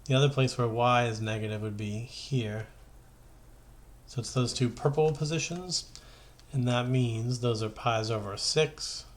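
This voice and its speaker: Unhurried and medium-pitched, a male high school math teacher talks informally through worked problems. He's conversational, thinking aloud and checking and correcting himself as he explains.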